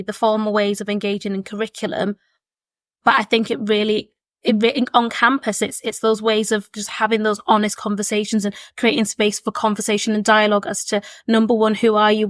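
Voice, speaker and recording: Seated at a table with the podcast hosts, a woman in her 20s speaks in a medium-pitched voice, thoughtfully and earnestly, often repeating words mid-thought. She works as an education consultant and was born in Zimbabwe before being raised in Leeds, England. The audio is dry and studio quality.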